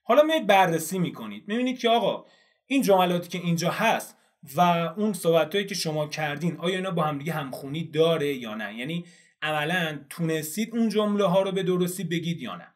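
A man's voice: on the high side, lively intonation. A man teaching English in a video lesson, explaining a study method step by step and answering his own questions as he goes.

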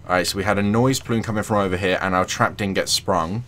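A young man with a deep, fairly bright voice and fairly even intonation talks fast while casually commentating his own gameplay as a gaming channel host. He's chatty and jokey, teasing opponents in a sing-song voice, with a little hiss or hum in the audio.

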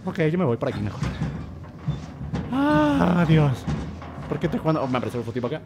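A man's voice: mid-range voice, expressive, racing, music in the background. A man giving casual let's-play commentary on a horror game, talking himself through each move and yelping when he gets scared. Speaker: gamer playing a horror game.

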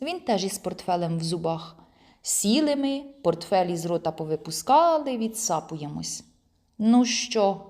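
A woman reading a children's audiobook aloud in an expressive first-person storytelling manner. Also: mid-range voice. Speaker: audiobook reader. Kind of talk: storytelling narration.

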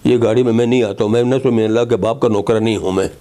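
A man voicing a proud, stubborn elected official who insistently refuses, in a slightly lowered voice. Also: steady tone, fast talker, mellow, close to an everyday voice. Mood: defiant.

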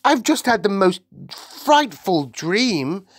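A woman's voice: medium pitch, sing-song, takes it slowly, slightly rough, no room sound, clean studio sound, voice pushed up, heavily acted. A narrator voicing an older queen who is upset by a terrible nightmare, crying out and shaken. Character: older queen, distressed sleeper.

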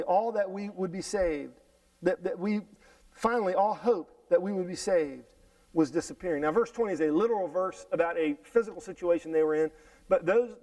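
Animated, high-voiced man preaching a sermon. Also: far from the mic, low-quality recording. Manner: animated, repeats words and restarts phrases. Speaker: pastor. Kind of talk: sermon reading and explaining scripture. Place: church sanctuary stage, indoors. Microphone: headset mic.

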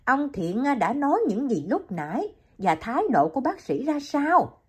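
A gentle young clinic assistant, played by a woman narrator, asks soft, cautious questions in a raised, lively voice. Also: sits high, moderate pace, husky, voice pushed up, heavily acted. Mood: concerned.

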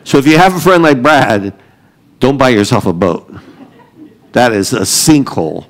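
A man's voice: medium pitch, animated, normal speed, low-quality recording. A middle-aged man preaching a sermon, telling joking, self-deprecating stories and laughing often. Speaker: pastor.

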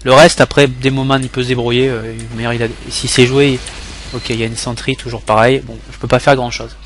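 A young man from France talks his way through a game as a tutorial, rambling loosely and often stopping to restart a sentence. His voice sits at an ordinary middle pitch, neither high nor low. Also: flat delivery, a little fast, fairly bright tone, a little hiss or hum. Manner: rambling, many fillers and restarts. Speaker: gaming tutorial host. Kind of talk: casual gameplay commentary tutorial.

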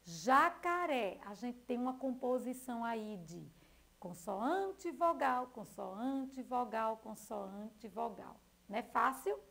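A woman teacher from Brazil giving a recorded lesson to young children, spelling out letters one by one in a slow, sing-song way. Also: fairly high pitch, animated, vocal fry. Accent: Brazilian Portuguese.

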